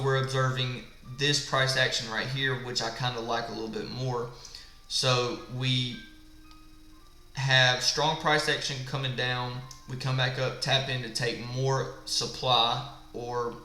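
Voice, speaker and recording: In an echoey room with faint music behind him, a trading instructor with a gravelly, smoker-like voice, mid-range in pitch and sharp in tone, screen-shares a live walkthrough of his trading setup. He sounds tired, late at night, and keeps posing questions to himself and answering them.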